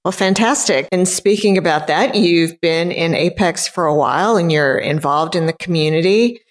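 A woman's voice: fairly low pitch, moderate pace, long reverb tail. A woman co-hosting a local podcast, asking the guest questions in an upbeat way. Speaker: podcast co-host. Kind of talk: podcast interviewing.

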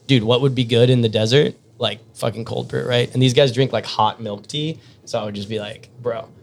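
A man in relaxed conversation, spinning long anecdotes one after another. He wanders through his stories with lots of "like" and "you know," restarting sentences as he goes, at a middle pitch for a man. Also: fairly quick, gravelly. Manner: rambling storyteller, lots of fillers and restarts. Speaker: podcast regular telling travel stories. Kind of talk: casual chat.

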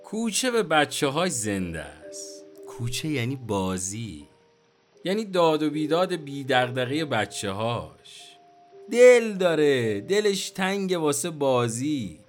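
An actor playing a chatty, complaining, nostalgic middle-aged taxi driver with a Tehrani accent and colloquial street slang. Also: male voice, a little high, big pitch swings, soft background music. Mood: wistful, animated.

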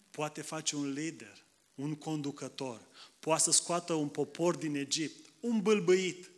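A man preaching a sermon, from Moldova, talking conversationally and often checking in with the congregation, alternating loud emphatic bursts with quiet asides. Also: fairly high pitch. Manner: conversational preaching, frequent tag questions to the congregation.

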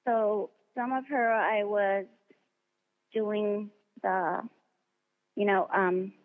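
A woman voice actress being interviewed, telling stories in a chatty, animated way and acting out the dialogue she quotes. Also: medium pitch, very slow. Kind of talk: casual interview anecdotes. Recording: tinny phone-line sound in a long reverb.

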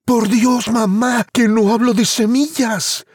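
A man voicing a boastful, cheeky peasant boy in a storybook, high and eager. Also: steady tone, slow pace, dry recording, clean studio sound, full character voice. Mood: pleading. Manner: eager, pleading.

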